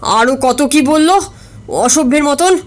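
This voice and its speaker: A man's voice: very high-pitched, a little slow, fairly bright tone, voice pushed down. A woman reading a storybook voices an aggrieved, easily flustered middle-aged bachelor who complains indignantly and stammers when upset.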